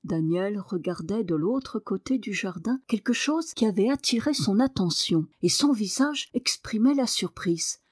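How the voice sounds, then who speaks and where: A woman's voice: mid-range voice, expressive, measured pace, few pauses, breathy edge, no room sound. Woman narrating an audiobook, dry sound. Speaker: audiobook reader.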